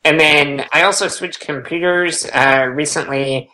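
A man's voice: a little high, fairly even intonation, a little slow, pushed and bright, rough recording. Matter-of-fact man on a podcast. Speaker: podcast panelist. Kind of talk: casual podcast chat.

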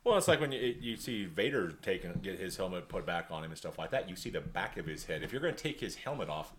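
A man's voice: low voice, lively intonation, quick pace, background noise. A man co-hosting a casual podcast chat, blunt and emphatic, swearing freely while giving his opinions. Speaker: podcast co-host.

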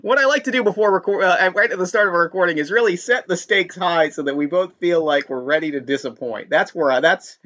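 A man recorded on a fuzzy laptop microphone, hosting a casual interview in an excited, informal way. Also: high voice, fast talker, hardly any pauses, dry recording, lo-fi sound. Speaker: podcast host. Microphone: built-in laptop microphone.

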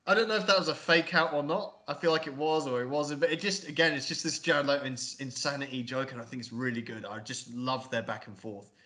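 A man co-hosting a podcast, chatting casually about a film in a rambling, excitable way with lots of swearing. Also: medium pitch, fast, hardly any pauses. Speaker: podcast co-host. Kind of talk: casual film review chat.

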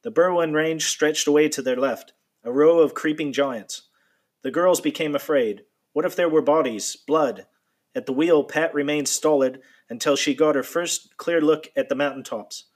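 Man, slightly high voice, measured, steady, nonfiction narration. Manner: measured, steady storytelling delivery. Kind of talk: reading nonfiction narration aloud.

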